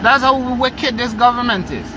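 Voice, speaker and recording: A man's voice: extremely high pitch, moderate pace. A man with a Guyanese accent, vlogging outdoors beside a street with heated, sarcastic rhetorical questions. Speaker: protester vlogger. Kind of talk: angry street vlog rant. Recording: loud traffic noise outdoors. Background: passing vehicles.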